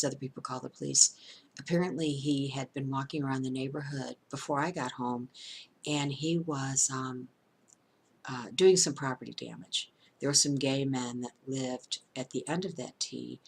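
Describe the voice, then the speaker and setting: Gravelly, very low-voiced woman in her 60s. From St. Louis area, USA. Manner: drops to a hushed whisper for suspenseful moments; conversational, with fillers and restarts. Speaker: storyteller, channel host. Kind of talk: casual spoken storytelling.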